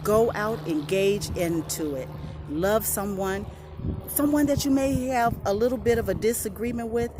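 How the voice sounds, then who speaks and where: Outdoors, as an airplane goes by overhead, a middle-aged woman vlogs on a phone or camera in a reflective, personal way. She speaks earnestly and heartfeltly at a moderate pace in a mid-range voice, searching for words and sniffling now and then.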